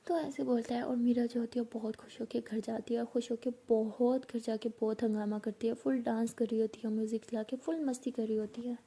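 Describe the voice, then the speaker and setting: A woman's voice: a little high, steady tone, a little fast, few pauses, warm tone, slightly rough. A woman telling a love story in a casual, half-whispered way.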